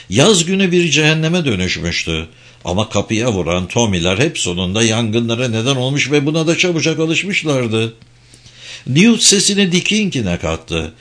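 A man reading a dark novel aloud as an audiobook narrator, with expressive delivery. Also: mid-range voice.

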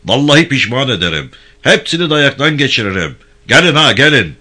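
A man voicing a harsh male Ottoman police chief who shouts orders and threats. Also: medium pitch, very animated, fairly quick, voice pushed up. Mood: angry, commanding.

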